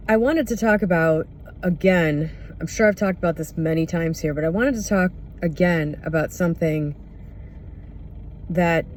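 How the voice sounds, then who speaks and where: Casting: mid-pitched voice for an unscripted reflective monologue, candid, hesitant, casual, with faint vehicle-like noise behind. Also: darkish tone. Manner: candid, hesitant, searching for words. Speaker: podcast or vlog host.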